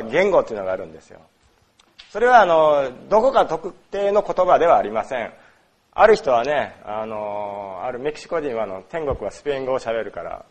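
A man from Osaka gives a sermon, his pitch rising and falling a lot as he speaks. He talks in a loose, conversational way, full of small fillers, and often asks the congregation questions. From Osaka, Japan. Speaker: pastor. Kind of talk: sermon on worship.

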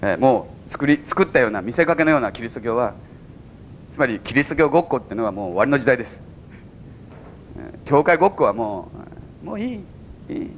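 A man with a Mikawa Japanese accent preaching a sermon as pastor to a congregation, with sudden high exclamations and chuckles. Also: very animated, fast, pauses often, lo-fi sound, a little hiss or hum. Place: church service before a congregation.

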